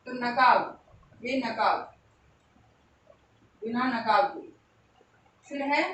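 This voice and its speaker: High-voiced woman teaching in an echoey room. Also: slight background noise. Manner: slow, repeats each word for emphasis. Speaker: Hindi teacher. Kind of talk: exam-prep grammar lesson. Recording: echoey room, voice a bit far from the mic.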